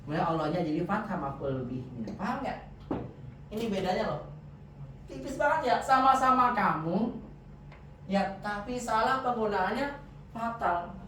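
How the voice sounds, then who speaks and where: A man's voice: high voice, expressive, normal speed, long pauses, a bit bright, a little hiss or hum. A man teaching Arabic grammar in a classroom, quizzing his students with frequent questions. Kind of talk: classroom lesson. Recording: echoey room, distant dull mic.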